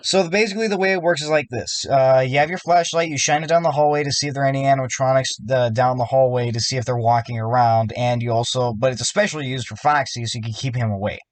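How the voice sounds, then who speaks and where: A man ranting about a video game, rambling and filling pauses with "you know" in an upset, worked-up way. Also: mid-range voice, dry recording. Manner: rambling, fillers, frustrated. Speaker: YouTuber.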